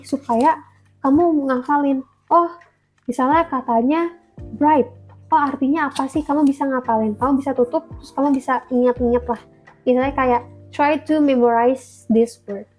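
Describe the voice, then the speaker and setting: A woman's voice: sits high, a little mellow. A young Indonesian woman vlogging casually to camera, chatty and encouraging, mixing English phrases into her talk. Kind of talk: casual talking-to-camera vlog.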